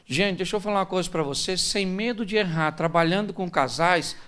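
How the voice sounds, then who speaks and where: A pastor with a Brazilian Portuguese accent delivers a humorous, conversational sermon on relationships, addressing his audience directly. His voice is high-pitched, clear and resonant, fairly bright in tone, and a little fast.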